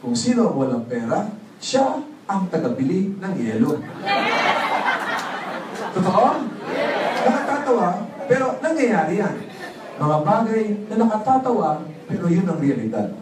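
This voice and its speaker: A man's voice: sits high, a little slow, long pauses, over a noisy crowd. A man giving a motivational business seminar talk, prompting the audience to answer and mixing in English phrases. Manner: animated, prompts audience call-and-response. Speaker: seminar speaker. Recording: echoey hall, voice from far off, faint noise.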